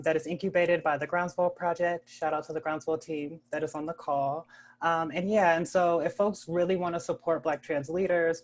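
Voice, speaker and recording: A woman guest on a video call panel, speaking earnestly with many fillers. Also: low-pitched. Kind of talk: casual online panel talk.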